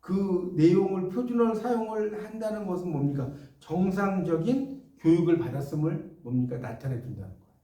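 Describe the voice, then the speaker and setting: Heard from off-mic in an echoey room, a middle-aged teacher lectures his class, dictating notes, repeating key phrases, and checking his students understand. His voice is high-pitched, warm, animated, and brisk, recorded from a distance.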